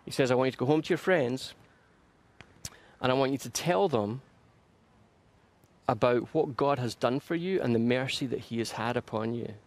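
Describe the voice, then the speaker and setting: A man's voice: medium pitch, normal speed, long pauses. A male pastor preaching a sermon, earnest and emphatic, building momentum through repeated phrases. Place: church.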